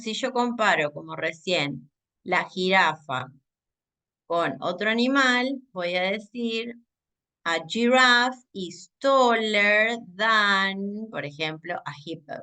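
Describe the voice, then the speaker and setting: Slow, bright-voiced teacher woman. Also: medium pitch. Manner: slow, deliberate explanations with frequent checking "¿sí?". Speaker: English teacher. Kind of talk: recorded grammar lesson.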